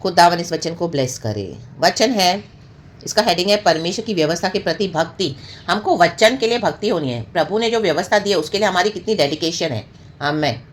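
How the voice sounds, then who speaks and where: A woman's voice: fairly low pitch, lively intonation, a little fast. A woman preacher giving a sermon, peppering it with amen and hallelujah and slipping into English phrases.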